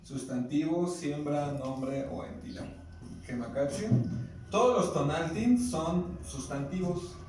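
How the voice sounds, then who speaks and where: A man's voice: fairly high pitch, slow pace. A man with a Mexican Spanish accent teaching a language class, explaining patiently and questioning his students. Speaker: Nahuatl teacher. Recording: echoey room, distant mic, faint noise.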